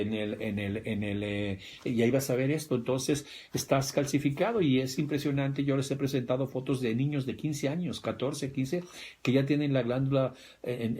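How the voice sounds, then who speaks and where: A man's voice: medium pitch, mellow. Emphatic Mexican man lecturing. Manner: emphatic, repetitive, addresses listeners directly. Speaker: speaker on spirituality and health. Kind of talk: livestream lecture.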